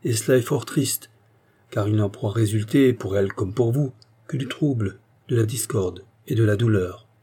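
A man's voice: on the low side, moderate pace, dark tone, slightly rough. A man voicing an old male Dominican hermit priest with a solemn, fatherly preaching manner. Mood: gentle preaching.

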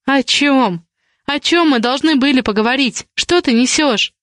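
A woman reading the lines of a defiant young woman, an indignant ward who argues with rapid questions. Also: high-pitched, fairly bright tone, no room sound, studio quality, pitched above the performer's own voice. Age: young adult.

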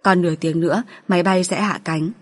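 A woman narrating an audiobook in an even, steady storytelling manner. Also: fairly low pitch, brisk.

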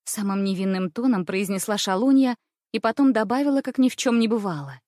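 A woman reads the narration of a children's story in an even, measured way. Her voice sits in a middle range and the recording is close and dry. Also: mid-range voice, dry recording.

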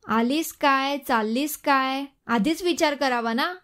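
A woman's voice: sits high, takes it slowly, fairly bright tone. A woman voicing a middle-aged mother who scolds and questions her daughter. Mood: scolding.

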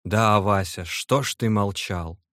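A man voicing an excitable, effusive young male clerk in an audiobook, exclaiming emotionally. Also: lowish voice, takes it slowly, no room sound, clean studio sound. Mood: excited.

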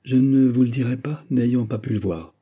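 A man voicing a rough male messenger who reports a failed raid in an urgent, breathless way. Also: medium pitch, moderate pace, dark tone, pitched above the performer's own voice, close to an everyday voice. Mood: reporting.

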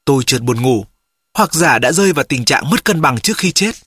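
A man narrating an audiobook in the first person, in a measured storytelling manner. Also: medium pitch, lively intonation, a bit bright, slightly rough, dry recording, clean studio sound.

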